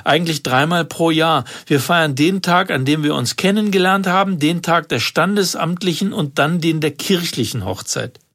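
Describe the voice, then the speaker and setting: A man's voice: fairly high pitch, normal speed, hardly any pauses, a bit bright, voice pushed up. A man reading the lines of a matter-of-fact male friend in a slightly raised voice.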